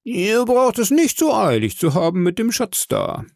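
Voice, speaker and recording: A man's voice: high-pitched, big pitch swings, unhurried, gravelly, a little mellow, breathy edge, no room sound, studio quality, pitched above the performer's own voice, full character voice. A man voicing an earnest, fatherly middle-aged ship's doctor who scolds and urges in an audiobook reading.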